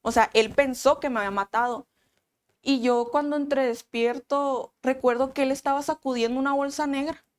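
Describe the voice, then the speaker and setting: Higher-voiced woman, earnest testimony. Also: steady tone. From Mexico. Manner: earnest, halting, with frequent restarts. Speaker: guest. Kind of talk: personal testimony.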